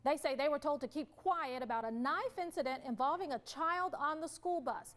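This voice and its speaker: Woman, news anchor, high voice, smooth read. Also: moderate pace, a bit bright. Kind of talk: scripted newscast.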